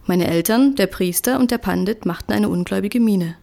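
Woman narrator reading a novel aloud, steady storytelling delivery. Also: medium pitch, a little fast, gravelly. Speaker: audiobook narrator. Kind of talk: scripted narration.

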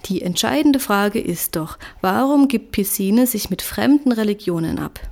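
Haughty male pandit, as a woman reader puts him on, sharp-tongued, storybook. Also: mid-range voice, lively intonation, normal speed, vocal fry. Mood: dismissive. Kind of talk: audiobook character voice.

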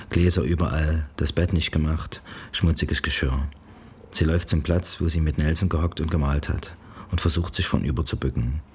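A man reads literary prose aloud in calm, measured narration. His voice sits very low. It has a husky, breathy grain. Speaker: audiobook reader. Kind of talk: literary reading.

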